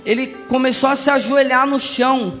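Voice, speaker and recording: A young Brazilian man giving an emotional church testimony, passionate and swinging between hushed and loud. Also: very high voice, fairly even intonation, moderate pace. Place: large church hall. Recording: reverberant church hall with music.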